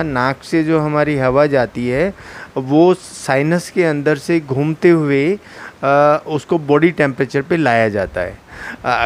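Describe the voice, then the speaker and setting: A middle-aged man, an ENT surgeon, calmly explains a medical condition to an interviewer, pausing often on "uh". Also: on the high side. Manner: calm, explanatory, with frequent "uh" fillers. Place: hospital clinic room.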